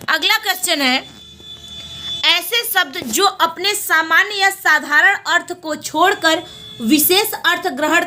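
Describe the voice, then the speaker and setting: A woman teaching a Hindi exam lesson, going through questions and repeating each answer back as a quick question and reply. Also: very high voice, sharp tone.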